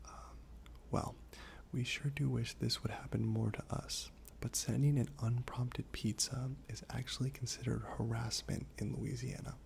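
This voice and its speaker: A man speaking in a soft, breathy half-whisper, gently reading trivia aloud in an ASMR style while chewing gum. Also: medium pitch, little pitch movement, moderate pace. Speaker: ASMR host.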